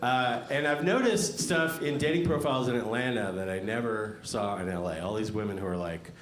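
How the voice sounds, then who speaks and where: A man's voice: lowish voice, fairly quick, fairly bright tone. A man doing conversational, wry observational stand-up comedy in a club, with audience laughter. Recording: echoey club room, clear background noise. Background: crowd laughter.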